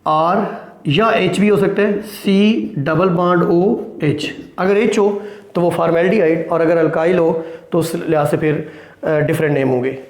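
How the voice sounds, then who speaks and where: A man's voice: fairly high pitch, fairly even intonation, unhurried, roomy sound. A man teaching a chemistry lesson at a board, asking questions and answering them himself, often checking with "right?" and mixing English technical terms into his speech. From Pakistan. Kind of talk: classroom lecture at a board.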